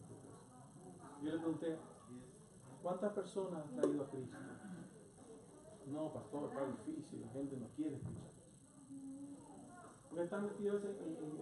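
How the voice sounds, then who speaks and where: A male pastor preaches earnestly, often asking his listeners short rhetorical questions. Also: a little high. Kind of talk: sermon. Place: church hall. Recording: echoey church hall from far off, noisy.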